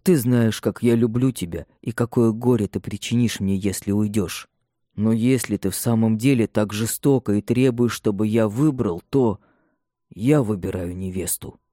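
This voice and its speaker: Мужчина-чтец озвучивает мягкого молодого дворянина, говорящего тихо и печально. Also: male voice, on the low side, normal speed, dry recording, clean studio sound, lightly acted. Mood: sad. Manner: quiet, sad. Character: young nobleman, gentle and sorrowful.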